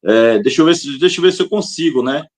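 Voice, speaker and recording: A man, a fellow professor, answering questions carefully and sounding out words slowly. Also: on the high side, lively intonation. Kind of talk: casual chat.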